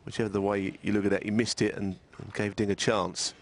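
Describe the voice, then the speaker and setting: A man giving hushed, measured and analytical snooker commentary as co-commentator. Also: fairly low pitch, level tone. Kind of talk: hushed live sports commentary.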